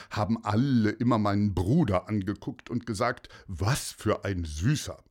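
A calm, kindly police inspector from a storybook, voiced by a male narrator. He explains gently and patiently, with a lively, rising and falling melody and an unhurried pace. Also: fairly low pitch. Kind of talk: storybook voice acting.

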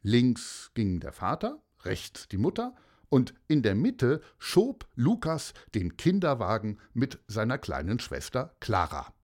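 A male narrator reading a children's audiobook. He tells the story slowly and gently, with a lively, rising and falling melody and a mid-pitched voice.

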